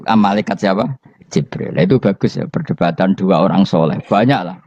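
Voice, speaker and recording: Low-voiced Javanese preacher, storytelling. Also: male voice, normal speed, darkish tone, slight background noise. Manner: storytelling with rhetorical questions and chuckles. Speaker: Islamic preacher. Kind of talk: Javanese-Indonesian religious lecture. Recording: dull, lo-fi dry recording.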